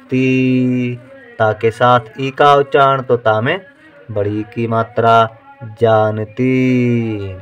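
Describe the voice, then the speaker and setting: A man teaching how to write words, slowly sounding out each syllable and repeating words like dictation. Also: medium pitch, a bit bright, clean tone. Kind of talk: slow dictation-style writing lesson.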